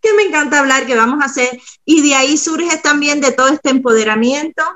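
Woman, from Cuba, podcast guest, casual chat, slightly high-pitched, warm, unhurried explanations.

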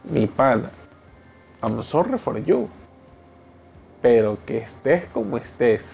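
A man's voice: medium pitch, gravelly. A man in his thirties from Ecuador with an Ecuadorian Spanish accent, hosting a motivational solo podcast and speaking bluntly and preachily straight to the listener. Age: 30s. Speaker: podcast host. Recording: dull lo-fi sound with faint music.

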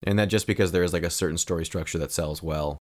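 A man with a very low, deep voice co-hosts a casual podcast. He talks in an earnest, reflective way and stretches out the phrases he wants to stress. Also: steady tone, fast talker. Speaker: podcast co-host. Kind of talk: casual film discussion.

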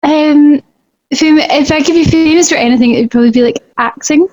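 A woman's voice: high-pitched, a little fast, darkish tone, no room sound. A young woman, chatting hesitantly on a podcast with giggles and fillers, on a dull lo-fi recording. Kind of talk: casual chat. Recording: dull lo-fi sound.

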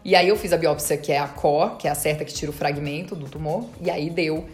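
A woman guest on an interview podcast, casually recounting her story in a fast, chatty way and quoting past conversations. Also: low voice, a little mellow, faint music behind. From Brazil. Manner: fast, chatty retelling with quoted dialogue. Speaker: dentist and marathon runner.

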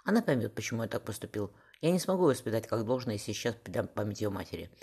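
A man's voice: fairly low pitch, very animated, fast talker, a little mellow, slightly rough, heavily acted. A man voicing a stubborn, grieving philosopher and widower in an audiobook, earnest and brooding.

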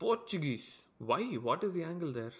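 A man's voice: fairly high pitch, very animated, fairly quick, background noise. A man with a South Indian Tamil accent in casual discussion, switching between English and Tamil.

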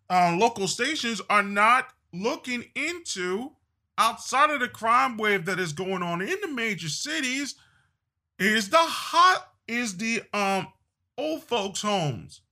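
A man delivering a political monologue at a slow, deliberate pace. His voice is bright and somewhat high-set, and he hammers points by repeating phrases and restarting sentences. The delivery is emphatic and unscripted. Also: expressive. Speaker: political commentator. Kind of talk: opinion monologue.

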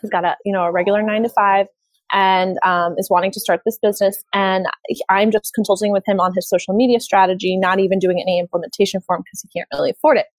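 A woman's voice: medium pitch, steady tone, quick pace, no room sound, poor audio. A woman social media consultant giving advice in a podcast interview, explaining in a casual way with fillers like "you know" and "like". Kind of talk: conversational interview.

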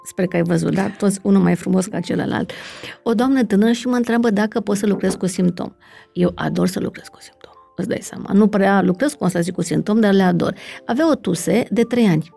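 Middle-aged woman guest, gravelly and mellow, chatty explainer who keeps checking that the listener follows. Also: mid-range voice, faint music behind. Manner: explains with many fillers and checking questions like "da?". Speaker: family constellations facilitator, guest. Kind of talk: conversational explanation in an interview.

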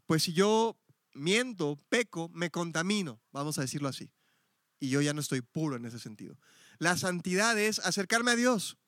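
A middle-aged man with a Mexico City Spanish accent gives a relaxed church lesson in a fairly high voice. He explains things conversationally, restarting phrases and dropping in fillers and little jokes. The sound is dry and close, with no room around it. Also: dry recording. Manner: chatty and explanatory, frequent "este" fillers and self-corrections, joking asides. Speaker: Bible teacher.

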